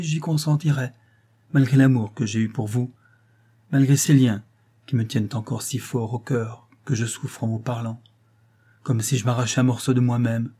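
Homme jouant un mari sévère et blessé. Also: male voice, mid-range voice, warm tone, breathy edge, close to an everyday voice. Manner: stern, pleading, emphatic. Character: stern, wounded husband, proud and severe.

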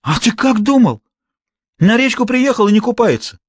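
A man's voice: on the high side, big pitch swings, moderate pace, dry recording, voice pushed up. A man voicing an irritable, scheming male crime boss who scolds and lectures his underling. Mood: bossy. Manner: scornful, bossy, lecturing.

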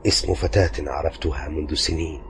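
A man voicing a withdrawn, grieving young man who speaks low, hushed and weary. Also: steady tone, a little fast, slight background noise. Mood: subdued.

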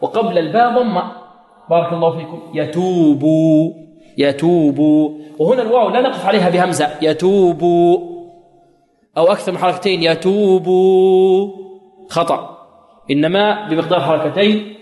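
A man teaching Quran recitation rules, quizzing his students with questions and chanting verses slowly to demonstrate. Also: sits high, darkish tone, soft background music. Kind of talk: tajweed lesson with chanted recitation. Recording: echoey hall.

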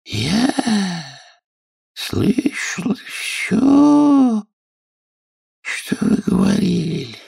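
Dormouse, a man doing a sleepy squeaky little mouse. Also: huge pitch swings, a little mellow, full character voice. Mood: drowsy. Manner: slow, drawling, high and breathy. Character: sleepy drowsy female dormouse.

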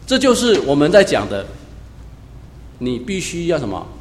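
A man preaching a sermon as pastor, swinging between loud emphatic lines and quiet low asides. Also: huge pitch swings, moderate pace, long reverb tail, a little hiss or hum.

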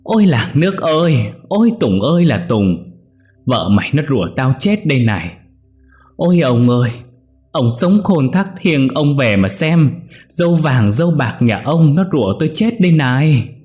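A man voicing a sharp-tongued old village mother-in-law, scolding in a shrill, shrieking voice. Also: sing-song, normal speed, faint music behind, lightly acted. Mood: melodramatic wailing.

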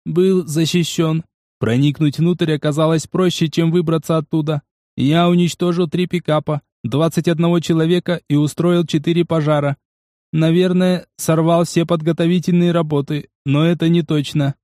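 A man reading a metallic robot, flat and impassive. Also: on the high side, moderate pace, no echo, studio quality, voice pushed up, natural voice. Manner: flat, unemotional delivery. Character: battered male combat robot, impassive and literal. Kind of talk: audiobook narration.

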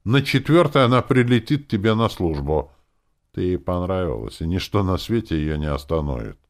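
A crude, sardonic young man, dry and gruff, as the reader puts him on. His low voice jumps up hard on the punchlines. It is read aloud as an audiobook. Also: sing-song, normal speed. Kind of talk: audiobook reading.

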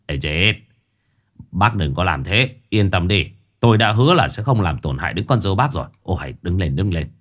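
A man voicing a gruff, brash, bald old exorcist who speaks bluntly in a low voice. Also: animated, normal speed, fairly bright tone. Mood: reassuring.

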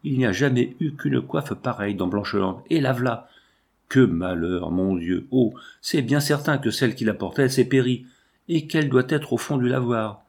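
A man's voice: medium pitch, moderate pace, darkish tone, breathy edge. Man reading as fearful old peasant woman, anxious, lamenting, storybook.

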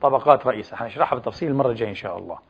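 A man giving a lecture on religious history, who keeps posing quick rhetorical questions and answering them himself. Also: mid-range voice, slightly rough, lo-fi sound.

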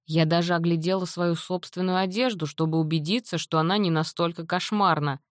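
A woman narrating a novel in the first person with a measured, wry reading. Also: fairly low pitch, fairly even intonation, no echo, studio quality. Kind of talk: audiobook narration.

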